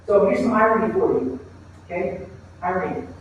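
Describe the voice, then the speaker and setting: Male pastor, storytelling sermon, high voice, booming hall echo. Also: normal speed, highs cut off, slight background noise. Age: adult with a child. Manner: storytelling, acts out quoted voices. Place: church sanctuary. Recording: echoey church hall from far off.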